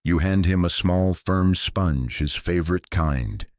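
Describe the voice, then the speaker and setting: A man narrating a bedtime sleep story in a soft-spoken, unhurried, gently wry scripted way. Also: low voice, no echo, clean studio sound.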